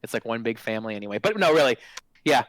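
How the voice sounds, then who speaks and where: A man in his forties, a guest on a stream interview, chatting in an excitable, casual way with lots of restarts and swearing. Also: medium pitch, racing, dry recording, poor audio. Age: 40s. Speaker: guest, former game product manager.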